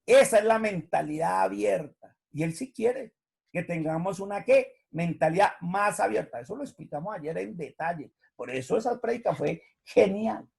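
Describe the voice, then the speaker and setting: Brief: preacher, animated storyteller, husky and gravelly. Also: male voice, high-pitched, moderate pace. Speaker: pastor. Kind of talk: preached sermon.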